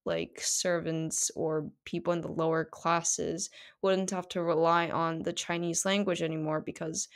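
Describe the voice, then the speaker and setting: Speaking at a measured pace in a deep, level voice, this Korean-born teen host rambles through a casual solo podcast monologue. Korean is her first language, and her chatty delivery is packed with fillers.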